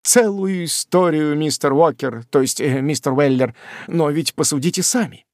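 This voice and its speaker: A man's voice: a little high, moderate pace, no room sound, clean studio sound, natural voice. A man reading a storybook, voicing a sly male servant who gushes and fawns in a whiny, ingratiating way. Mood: fawning. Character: sly fawning male servant, tearful, falsely innocent.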